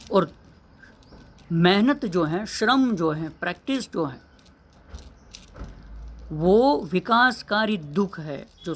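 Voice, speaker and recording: A man's voice: high voice, fairly bright tone. A man, an English teacher, giving an earnest motivational lesson, asking rhetorical questions and repeating key phrases.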